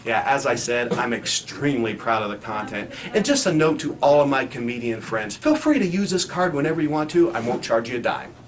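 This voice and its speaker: A man as a crude infomercial clown pitchman, echoey room. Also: lively intonation, fairly quick, hardly any pauses, close to an everyday voice. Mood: aggrieved, proud. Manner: crude, swearing, mock-sincere. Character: crude, cynical clown pitchman selling insulting greeting cards. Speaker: comedian in character as a clown. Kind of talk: spoof infomercial sales pitch with recited rhyming card verses. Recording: roomy echo, faint background noise.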